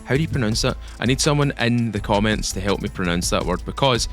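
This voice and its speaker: A young Scottish gaming YouTuber gives a casual update on a game for his channel, talking fast in a low, animated voice. He rambles enthusiastically and repeats himself, with faint music behind him.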